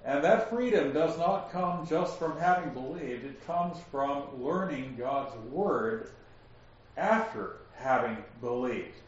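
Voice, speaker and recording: A man teaching a Bible study, explaining verses slowly and asking his class questions. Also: fairly high pitch, expressive. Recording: echoey room, distant lo-fi mic.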